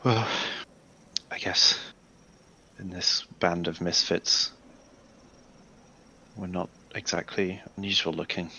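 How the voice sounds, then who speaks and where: A man's voice: low voice, fairly even intonation, slow, pauses often, sharp tone, a little hiss or hum. A man casually playing his character in a tabletop role-playing game, wry and rambling. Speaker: player.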